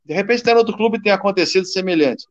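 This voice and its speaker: A former football player from southern Brazil telling stories in casual chat, halting and repeating words. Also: male voice, high voice. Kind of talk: casual storytelling on a call. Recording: dull lo-fi call audio.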